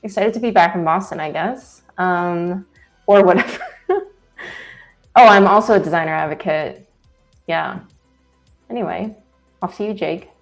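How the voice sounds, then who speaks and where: A woman's voice: on the low side, normal speed, long pauses, faint music behind. A woman from Massachusetts co-hosting a casual livestream, rambling and offhand. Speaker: designer advocate, co-host. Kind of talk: casual group livestream chat.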